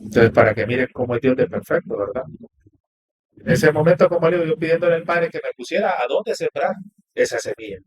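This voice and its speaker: Husky man telling a story. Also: fairly high pitch, fairly quick. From Honduras. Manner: animated storyteller quoting dialogue. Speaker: podcast guest. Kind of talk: storytelling interview.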